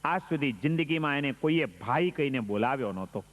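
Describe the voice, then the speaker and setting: A man's voice: medium pitch, expressive, brisk, long reverb tail. A man who is a monk preaching a sermon, telling a story with dramatic, emphatic rising lines.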